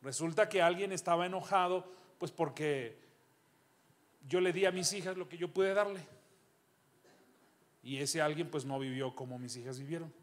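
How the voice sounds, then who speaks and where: In a church, a middle-aged pastor with a high voice delivers a sermon at normal speed with long pauses. He shoots rhetorical questions at the congregation, then sinks into low, confiding asides.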